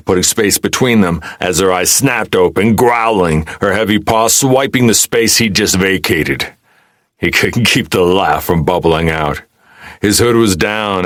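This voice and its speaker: A man narrating a post-apocalyptic fantasy audiobook in a steady, wry storytelling manner. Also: low voice, no room sound, clean studio sound. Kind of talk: scripted narration.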